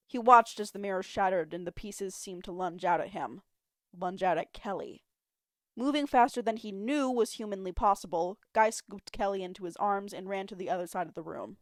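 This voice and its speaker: A woman's voice: medium pitch, no echo, studio quality. A woman narrating fan fiction as an amateur audiobook reader on a home mic, telling it expressively. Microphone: home mic, not professional.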